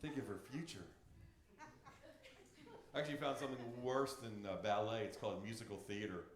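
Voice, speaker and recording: A middle-aged man doing a stand-up comedy set, brash and profane with deadpan punchlines, on a club stage. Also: fairly low pitch, normal speed. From United States. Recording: roomy club with crowd laughter. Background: audience laughing.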